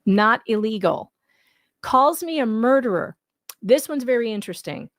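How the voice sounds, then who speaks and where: Her voice sits fairly high and is expressive, delivered at an ordinary speed with studio-quality sound and no echo. As a video host running live commentary on a legal case, she reads out claims and rebuts them, staying casual yet argumentative and skeptical while hammering points through repetition.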